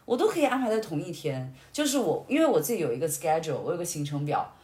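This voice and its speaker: A podcast guest talks expansively and reflectively in a conversational interview, backing up her points with anecdotes. Her low-pitched voice is sing-song, quick and darkish in tone. The recording sounds roomy and echoey.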